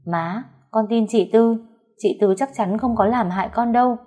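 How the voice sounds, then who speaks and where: A high, pleading voice belongs to a frightened young pregnant woman, as a woman puts her on while telling a story. She whimpers through her words, set well above the storyteller's usual tone. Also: moderate pace, mellow, lightly acted. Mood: tearful.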